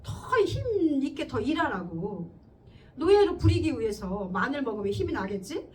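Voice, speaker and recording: A woman's voice: high voice, big pitch swings, moderate pace, darkish tone. A woman pastor preaching a sermon in a conversational way, often checking in with her listeners and acting out quoted speech. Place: church. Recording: distant mic with faint background noise.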